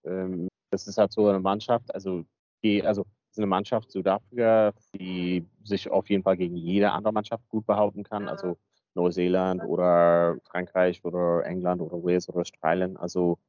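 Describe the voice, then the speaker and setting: A man co-hosting a casual podcast chat, rambling with many fillers, heard through a low-quality recording. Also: flat delivery, normal speed, a little mellow. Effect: low-quality, muffled recording. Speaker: podcast co-host. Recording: dry muffled lo-fi recording.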